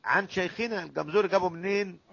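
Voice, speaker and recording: Egyptian sheikh teaching in a husky voice. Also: male voice, sits high, quick pace, fairly bright tone, dry recording, muffled recording. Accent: Egyptian Arabic. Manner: drills sounds syllable by syllable, asks the student questions. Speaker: sheikh teaching a Quran recitation text. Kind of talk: explaining a classical text in a class.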